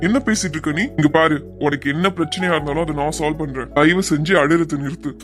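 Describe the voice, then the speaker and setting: A woman's voice: sits low, fast, faint music behind, close to an everyday voice. A woman voicing a devoted, protective young man in a cartoon, earnest and reassuring. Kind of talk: cartoon voice acting.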